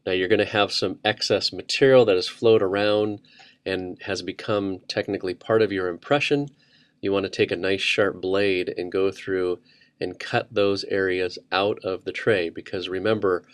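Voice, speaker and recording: A man's voice: deep voice, normal speed, no room sound. A man teaching a dental procedure in a methodical, step-by-step instructional voice-over. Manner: methodical, explanatory, steady step-by-step.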